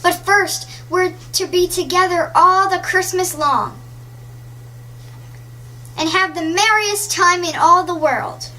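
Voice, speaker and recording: A woman's voice: very high voice, slow pace, bright, forceful tone, voice pushed up, exaggerated voice. A woman voicing a tiny, affectionate little girl in a storybook, eager, childish and full of glee. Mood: gleeful, eager. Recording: clearly noisy audiobook recording.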